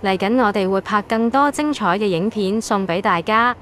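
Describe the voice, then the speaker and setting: A woman's voice: mid-range voice, normal speed, a bit bright. Hong Kong woman narrating, faint noise behind. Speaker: video host and narrator. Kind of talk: scripted explainer narration.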